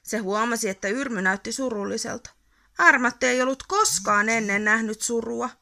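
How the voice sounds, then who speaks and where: A woman reading a picture book aloud as a bedtime story, expressive and playful. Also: fairly high pitch, creaky.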